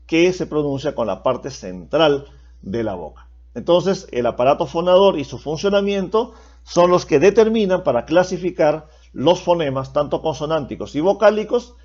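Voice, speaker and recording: A man's voice: on the high side, lively intonation, normal speed, a little mellow. A man teaching a class in a patient, explanatory way, often asking questions and adding a checking "¿no?" after his points. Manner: explanatory, asks rhetorical questions with tag "¿no?". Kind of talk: classroom lecture. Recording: dull lo-fi recording.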